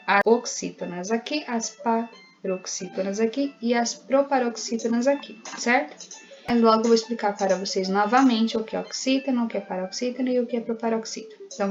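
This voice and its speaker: Patient Brazilian schoolteacher, lo-fi. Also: female voice, mid-range voice. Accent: Brazilian Portuguese. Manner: patient, explains step by step and often checks in with "né?" and "certo?". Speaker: primary school teacher. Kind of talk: recorded remote lesson, correcting exercises.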